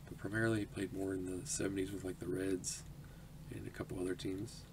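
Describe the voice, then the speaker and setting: In a small room at home, a twenties autograph-collecting channel host goes through his mail for a vlog. His low-pitched, darkish voice is flat and brisk, yet his manner is chatty and upbeat, with plenty of laughter and ums. Background noise runs through the recording.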